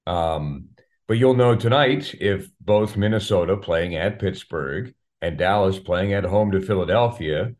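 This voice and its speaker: In a deep, darkish voice and at an unhurried pace, the radio play-by-play man talks hockey as an interview guest, offering wordy analysis. Repeated words crop up as he hunts for his next phrase.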